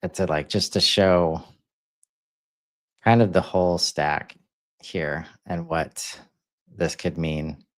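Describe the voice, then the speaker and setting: A man's voice: deep voice, fairly even intonation, takes it slowly, pauses often, a bit bright. A man co-hosting a podcast, talking casually and hesitantly with many fillers. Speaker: podcast co-host.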